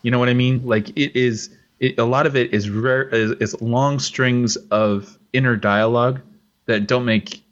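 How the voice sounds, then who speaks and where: A man's voice: mid-range voice, steady tone, moderate pace, dull audio. A man co-hosting a podcast in casual chat, rambling with restarts and fillers. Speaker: podcast co-host.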